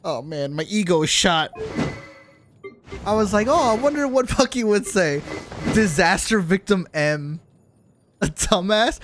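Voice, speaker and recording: Over music, a high-voiced man chats with viewers during a live gaming stream, speaking in an unhurried, animated way with long pauses. His talk is slangy and teasing, with some swearing, as he plays at his gaming setup.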